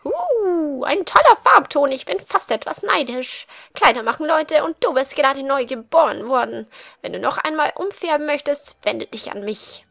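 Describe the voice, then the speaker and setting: A woman voicing a courteous, flattering dye shop keeper from a video game, with showy salesmanship. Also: high-pitched, moderate pace, creaky, no echo, voice pushed up, exaggerated voice. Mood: delighted, flattering. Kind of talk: game dialogue read aloud in character.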